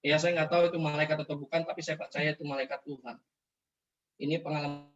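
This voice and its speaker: Fervent high-voiced man testifying. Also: level tone, fast. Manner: fervent, repetitive storytelling. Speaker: preacher giving testimony. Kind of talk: emotional sermon testimony. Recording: distant mic, dull lo-fi sound.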